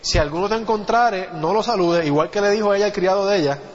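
A man preaches a sermon, telling a Bible story and checking in with his listeners as he goes. His voice sits high, and long reverb from a large hall trails each phrase. The audio is dull and muffled. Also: fast talker. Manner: conversational Bible teaching, asks the congregation "¿viste?".

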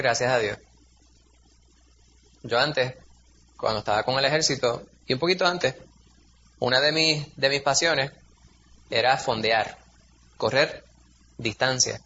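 Bright-voiced preacher in his 40s. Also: mid-range voice, highs cut off, slight background noise. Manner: conversational, storytelling, acts out quotes in raised voice. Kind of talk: sermon.

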